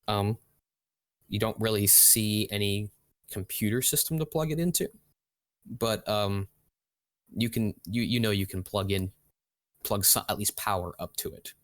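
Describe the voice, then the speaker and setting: A man narrating a tabletop role-playing game as game master, talking casually and haltingly. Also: fairly low pitch, no echo, clean studio sound.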